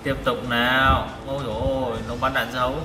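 Fairly quick and flat in delivery, a medium-pitched man narrates his tank game live as a gaming vlogger, exclaiming and repeating short phrases. Loud game music and background noise fill the echoey, reverberant room, picked up by a distant mic.

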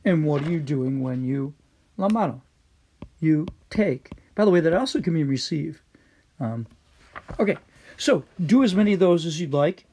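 Gravelly, husky male teacher. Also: a little high, expressive, moderate pace, mellow. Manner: patient, quizzing students, fillers like uh and um. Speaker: Greek teacher. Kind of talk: recorded online lesson.

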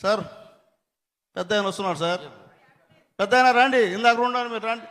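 A man acts out an obsequious flatterer in a comedy sketch, heaping praise on his boss. His voice is very high and sharp, and a long hall echo hangs behind every word. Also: a little fast. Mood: fawning. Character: fawning male flatterer of a politician.

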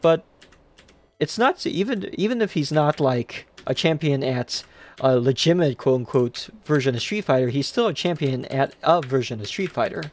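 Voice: medium pitch, animated, moderate pace. Swearing, raging Tetris livestreamer. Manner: rambling, self-mocking, swears and rages at the game. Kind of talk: live gameplay commentary.

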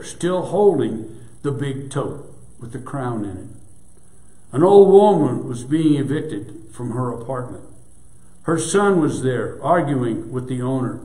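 Slow, measured male preacher in echoey church. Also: medium pitch, darkish tone. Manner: measured, deliberate storytelling. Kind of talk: storytelling sermon. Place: church sanctuary.

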